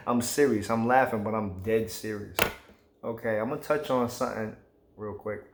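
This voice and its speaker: A man's voice: lowish voice, moderate pace, roomy sound, background noise. A man vlogging, giving his opinions in a casual, emphatic, rambling way with plenty of slang.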